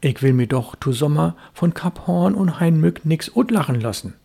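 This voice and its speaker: A man voicing a young fisherman's boy, seasick but eager, who speaks in a Low German dialect. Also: lively intonation, moderate pace, vocal fry, mellow, breathy edge, heavily acted. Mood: plucky.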